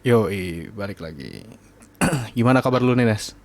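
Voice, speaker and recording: A man's voice: on the low side, lively intonation, unhurried, very noisy. Laid-back young man hosting a podcast. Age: 20s. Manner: laid-back, slangy, laughs easily. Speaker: podcast host. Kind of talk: casual late-night chat.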